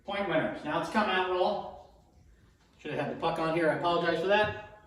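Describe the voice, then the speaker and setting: A man with a cold gives casual, halting play-by-play of a dice betting demonstration, often repeating his calls. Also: fairly high pitch, fairly bright tone. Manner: halting, self-narrating, repeats each call. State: has a cold, throat-clearing. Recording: very echoey room, distant mic.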